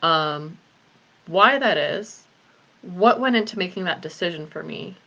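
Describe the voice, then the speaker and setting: A woman's voice: fairly low pitch, lively intonation, unhurried, pushed and bright, muffled recording. A woman in her late twenties chatting candidly on a live video with her group, rambling a little with plenty of ums. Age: 20s. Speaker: author and group host. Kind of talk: casual live video chat.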